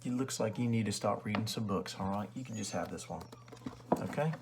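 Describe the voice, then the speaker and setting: A man's voice: on the low side, a little fast, heavy background noise, close to an everyday voice. A man playing a rude, condescending librarian who sells used books, in an ASMR role-play with chummy but insulting salesman-like patter. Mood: casual, pitching. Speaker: ASMR performer.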